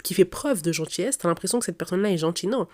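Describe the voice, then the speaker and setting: Congested, lowish-voiced young woman podcasting. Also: expressive, very fast, darkish tone. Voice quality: congested, blocked-nose nasal voice. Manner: direct, addresses listener informally, emphatic. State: sick with a cold and sore throat. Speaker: podcast host. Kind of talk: casual advice monologue to listeners. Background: faint background music.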